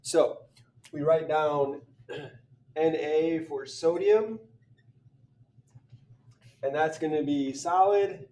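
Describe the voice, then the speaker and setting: A man working through chemistry practice problems, thinking aloud, often clearing his throat and restarting sentences. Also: a little high, drawn-out words, long pauses, warm tone, distant mic. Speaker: chemistry teacher.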